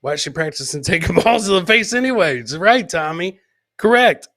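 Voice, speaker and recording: This live comedy podcast host has a high, animated voice that's brisk, bright, and forceful. He gives jokey commentary on clips, echoes his own phrases for emphasis, and mimics the people he discusses.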